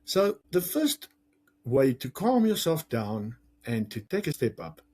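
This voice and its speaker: A man with a South African accent giving a lively, conversational talk to parents, explaining ideas with jokes and acted-out examples. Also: medium pitch, unhurried, breathy edge. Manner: lively, conversational, jokes and acts out quoted lines. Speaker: parenting coach and teacher. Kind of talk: educational talk to camera.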